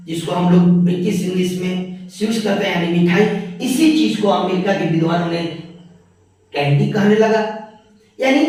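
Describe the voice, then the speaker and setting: A man with an Indian accent, an English lecturer teaching a board-exam lesson, reading English lines slowly and explaining them in Hindi. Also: high-pitched, darkish tone, distant mic. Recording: very echoey room, voice from off-mic.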